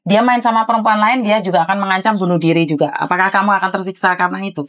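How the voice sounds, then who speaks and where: A woman's voice: medium pitch, steady tone, racing, a bit bright. A woman hosting an advice show, giving frank, lecturing advice to a caller. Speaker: advice host. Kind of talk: advice chat.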